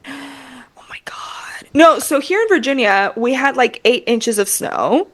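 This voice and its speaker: Chatty woman co-hosting a podcast, higher voice, animated, fillers everywhere. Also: moderate pace. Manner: animated, chatty, heavy use of filler words. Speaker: podcast co-host. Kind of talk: casual chat.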